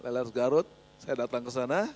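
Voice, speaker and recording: A man's voice: medium pitch, a little fast, darkish tone. A male pastor giving an emphatic sermon with a personal testimony, often turning to address the congregation directly.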